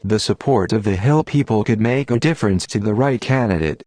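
A patient Jedi master, read by a man, speaks in a quiet, firm, measured way. The voice sits low and close. It is a dry audiobook recording. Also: dry recording, natural voice. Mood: calm. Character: calm patient older male Jedi master.

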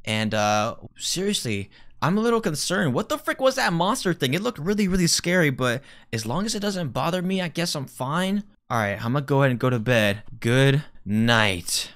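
Bright, lively young man gaming. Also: on the high side, moderate pace. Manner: jumpy, exclaims loudly at scares; talks to himself while playing. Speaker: gaming video host. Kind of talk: casual gameplay commentary.

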